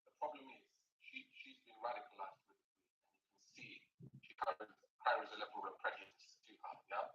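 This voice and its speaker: A man's voice: lowish voice, a little fast, pushed and bright, dull audio. A man on a live panel making an insistent, argumentative case. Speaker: panel caller. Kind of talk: heated debate. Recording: echoey and distant.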